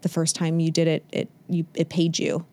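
A middle-aged woman, a business author, explaining her methods as a podcast guest in a confident, brisk, practical way. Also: low voice, completely flat delivery, darkish tone. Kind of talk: casual interview talk.

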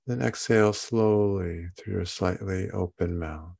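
A man guiding a body scan meditation in a calm, soothing, halting manner with long pauses between phrases. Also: sits low, gravelly. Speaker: meditation guide.

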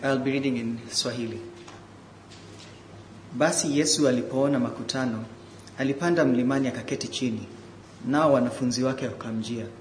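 A man's voice: medium pitch, brisk, long pauses. A man reading scripture aloud as a Bible reader. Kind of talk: scripture reading and short personal remark. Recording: echoey room with faint background noise.

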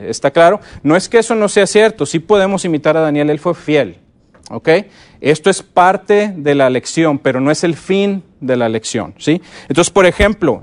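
Lively man teaching. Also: on the high side. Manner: lively, asks the audience frequent check-in questions. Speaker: conference speaker teaching. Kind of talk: conference lecture on teaching Bible stories.

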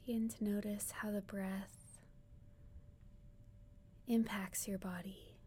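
A woman leading a guided meditation like a sleep story narrator, in a soft, breathy near-whisper, soothing and gentle, with long pauses. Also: medium pitch, flat delivery, slight background noise.

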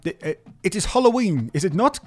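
A man's voice: mid-range voice, unhurried, a little mellow, close to an everyday voice. A man playing a fussy, cowardly old miser in a comedy audio drama, stammering and theatrical. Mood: eager.

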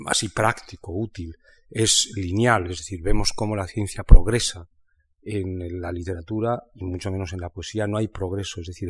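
A man from Spain talking about literature in a reflective conversation, thinking aloud with many pauses and restarts. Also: on the low side, slightly rough. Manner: thoughtful, halting, many restarts and fillers. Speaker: writer in conversation.

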